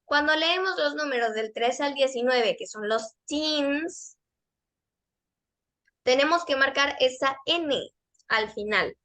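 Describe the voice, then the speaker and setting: High, bright-voiced woman teaching pronunciation. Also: slow pace. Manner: patient, explains step by step and repeats model words. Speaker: English teacher. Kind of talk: pronunciation lesson for kids and teens.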